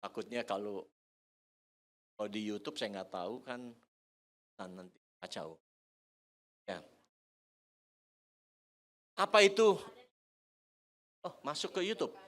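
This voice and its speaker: Lively older pastor, slow speaker. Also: male voice, lowish voice. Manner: lively, quizzes the congregation and jokes. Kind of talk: sermon to seniors. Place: church hall.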